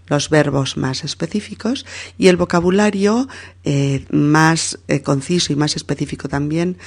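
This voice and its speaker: A language lesson host giving scripted narration in a lively, expressive way. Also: medium pitch, gravelly.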